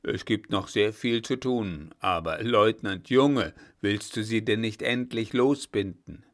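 A blustering old field marshal with a loud, booming, scolding voice, as a male reader puts him on. He is gruff and quick to anger in this storybook reading, his tone low and settled underneath the bluster. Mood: teasing. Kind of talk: audiobook reading.

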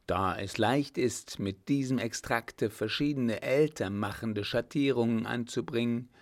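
A male audiobook narrator reads old-fashioned prose at a deliberately slow pace. His voice has a noticeable gravelly creak, and the delivery stays steady and even throughout. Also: medium pitch. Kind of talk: scripted narration.

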